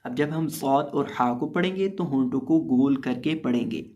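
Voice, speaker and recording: A man teaching Quran reading, spelling out each letter and vowel in a slow, loud chant, with calm explanations between the drills. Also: mid-range voice, highs cut off. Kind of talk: spelling-out recitation lesson.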